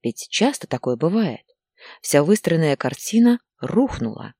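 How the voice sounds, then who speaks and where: A woman narrating an audiobook story in an expressive storytelling manner. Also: low voice, measured pace, husky, dry recording, clean studio sound. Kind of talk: scripted narration.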